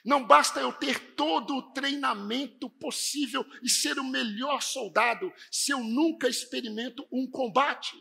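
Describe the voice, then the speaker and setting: A man's voice: very high-pitched, unhurried, creaky, hardly any pauses, sharp tone, breathy edge. A man preaching a sermon as a pastor, emphatic, with a constantly shifting intonation. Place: church.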